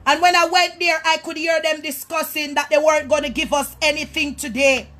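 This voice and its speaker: A woman prophetess giving a fervent personal testimony to an online audience, often raising her voice toward a shout and addressing listeners as people of God. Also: sits high, steady tone, fairly quick, soft background music. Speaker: prophetess and apostle.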